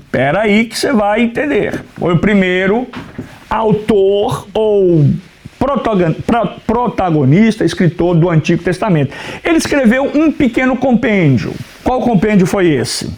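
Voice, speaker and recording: A pastor teaching a Bible class to his students in a lecture style. His voice sits high and swings widely, rising and falling as he asks questions and answers them himself. He keeps telling the class to write notes and now and then turns away from the mic toward the board. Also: lively intonation, unhurried, darkish tone. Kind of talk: classroom lecture on the Old Testament.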